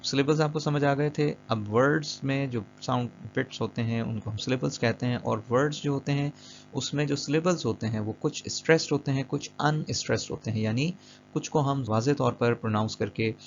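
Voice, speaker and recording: Male teacher, patient and repetitive, gravelly voice, lo-fi voice-over with quiet music. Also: mid-range voice, brisk. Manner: patient, repeats and checks understanding; mixes English terms into Urdu-flavoured Hindi. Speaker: English teacher. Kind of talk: explaining a lesson over slides. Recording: dull lo-fi voice-over with soft music.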